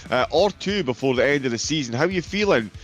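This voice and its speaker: A man's voice: medium pitch, lively intonation, quick pace, soft background music. A man, commentating on a sim racing event in an enthusiastic, upbeat way. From Britain. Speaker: race commentator.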